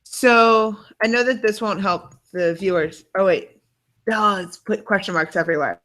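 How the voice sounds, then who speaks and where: A woman's voice: mid-range voice, normal speed, a bit bright. A woman co-hosting a casual book club discussion, talking things through with chatty asides and fillers. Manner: chatty, thinks aloud with fillers. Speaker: book club co-host, scientist.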